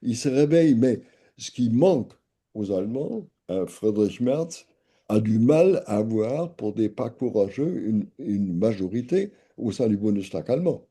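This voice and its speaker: A man speaking on a conference panel, measured and hedging as he explains. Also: on the low side, expressive, dark tone, breathy edge. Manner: measured, hedging with "si l'on veut".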